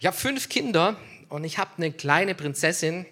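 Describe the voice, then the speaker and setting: A middle-aged man preaching a sermon as pastor, swinging from loud emphasis to hushed near-whispers. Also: high voice, expressive, normal speed.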